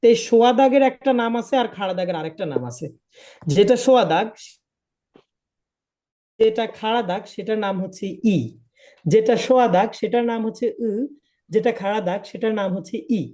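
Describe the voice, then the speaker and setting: A man's voice: high-pitched, brisk, pauses often, mellow. A man teaching a live online language class, patiently repeating each point and checking that students follow. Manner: patient, drills by repetition and checks understanding.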